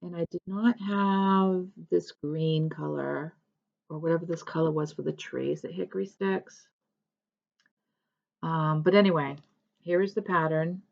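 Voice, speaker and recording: A woman's voice: deep voice, steady tone, a little slow, gravelly, dull audio. A woman chatting casually as a cross-stitch vlogger, rambling a little and correcting herself as she goes. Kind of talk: casual show-and-tell chat.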